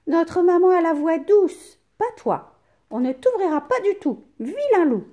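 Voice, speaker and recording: A woman voicing a group of young goat kids, shrill, loud and exclamatory in a children's storybook reading. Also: big pitch swings, measured pace, muffled recording, full character voice. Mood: defiant.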